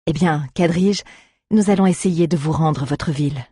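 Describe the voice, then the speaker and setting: A reader voicing a calm, resolute young girl. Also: mid-range voice, normal speed, husky, no echo, clean studio sound, natural voice.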